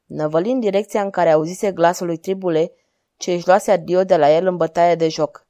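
A woman's voice: lowish voice, fairly even intonation, warm tone, dry recording. Woman narrating a historical novel. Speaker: audiobook narrator. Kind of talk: reading a historical novel aloud.

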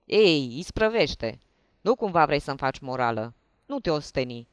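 A narrator voicing a loud, carefree, drunken lieutenant in an audiobook reading. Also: medium pitch, very animated, smooth, no room sound, natural voice. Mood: rowdy. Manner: loud, swaggering, urging others to drink.

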